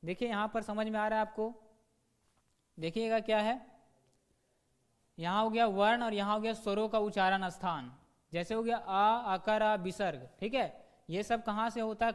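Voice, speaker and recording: A male teacher giving an online grammar lesson. His voice sits high for a man, and the room around him rings with a long reverb. He drills the class with quick questions and sounds out each example slowly. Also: steady tone, clear, resonant tone. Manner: repeats "ठीक है" and asks students questions.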